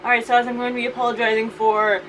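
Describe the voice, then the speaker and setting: A woman with a slightly high voice chats in a casual, playful vlog style. Her talk is informal and slangy, like a beauty vlogger sorting through a collection. A clear fan noise runs behind her. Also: level tone, very fast. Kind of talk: casual beauty declutter chat. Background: fan running.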